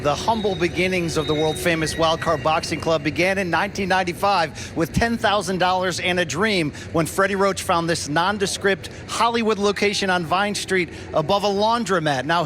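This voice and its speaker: A man's voice: high voice, fairly bright tone, slight background noise. A man giving a prepared storytelling sports report on location, with dramatic, polished phrasing. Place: inside a boxing gym.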